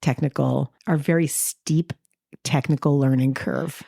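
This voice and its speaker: A woman's voice: very deep voice, steady tone, unhurried, vocal fry, warm tone, no room sound, clean studio sound. A woman co-hosting a podcast in casual conversation, chatty and given to telling anecdotes. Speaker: podcast co-host.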